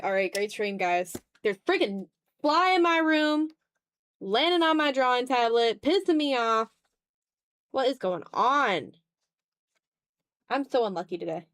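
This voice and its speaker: A woman in her twenties, an art streamer in a room at home, chats casually and mutters while drawing, self-deprecating and casually sweary. Her voice is on the high side, with no room sound.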